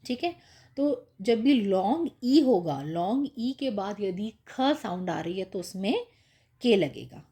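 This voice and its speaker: A woman's voice: medium pitch, animated, takes it slowly, warm tone. A woman teaching young children spelling rules, patient and repetitive, checking in often as she explains each word. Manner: patient, repeats with "ठीक है" and "है ना" checks.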